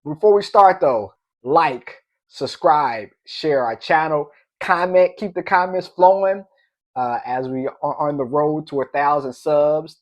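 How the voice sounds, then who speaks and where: Young male finance vlogger, casual and hype, very expressive pitch swings. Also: dull audio. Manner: animated, hyped, slangy asides and playful sound effects. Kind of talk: casual energetic commentary.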